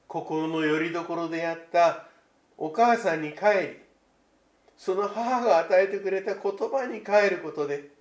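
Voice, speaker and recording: A man preaching a Christmas sermon, slow and reflective with dramatic pauses. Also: high-pitched, reverberant. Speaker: pastor.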